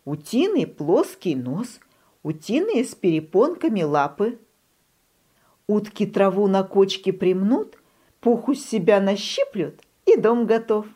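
A woman reading a children's animal story aloud, lively and expressive. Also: mid-range voice, measured pace.

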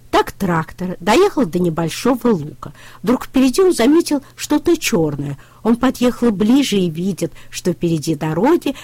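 A woman reading a children's story aloud in a slow, expressive storytelling style, close to the microphone. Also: lowish voice, dry recording.

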